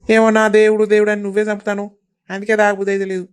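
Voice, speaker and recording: A woman's voice: medium pitch, little pitch movement, rapid-fire, smooth, voice pushed down, close to an everyday voice. Woman doing a teasing village grandson. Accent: Telangana Telugu. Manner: teasing, scolding.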